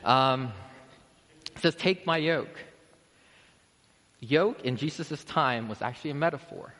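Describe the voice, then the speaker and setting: A man's voice: mid-range voice, unhurried, fairly bright tone. A man preaching a sermon in a church, casual and conversational, restarting sentences and building to emphatic peaks. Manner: conversational, self-interrupting, rising to emphatic peaks. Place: church sanctuary. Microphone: podium microphone. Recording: long church reverb.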